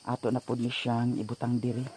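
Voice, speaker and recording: A vlogger with a Cebuano accent chatting casually and jokingly while doing laundry, a little hoarse. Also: medium pitch, level tone, brisk, a little mellow. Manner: joking, teasing, breaks into song.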